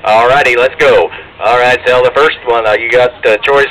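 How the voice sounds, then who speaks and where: A man's voice: medium pitch, steady tone, moderate pace, a bit bright. A middle-aged man, announcing as a plain-spoken, folksy auctioneer at a live sale. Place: outdoors at a tree lot, from an auction truck. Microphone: handheld PA microphone, filmed by bystander's camera. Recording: noisy outdoor PA recording.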